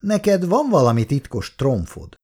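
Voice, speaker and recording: A wary old father bargains and questions with suspicion, as a man reads him. The voice is gravelly and moves lively through its pitch. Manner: hesitant, suspicious.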